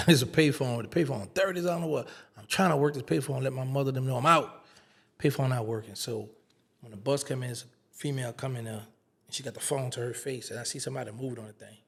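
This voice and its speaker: Gravelly-voiced man telling a story. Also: mid-range voice. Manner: animated storyteller, acts out quoted dialogue. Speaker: interview guest. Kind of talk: casual storytelling.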